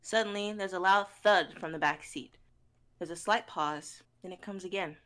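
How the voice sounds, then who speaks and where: A woman in her twenties, a performer on a group stream, reads stage directions and introduces a script, moving between scripted narration and casual chat. Her voice is fairly low-pitched and fairly bright, at normal speed.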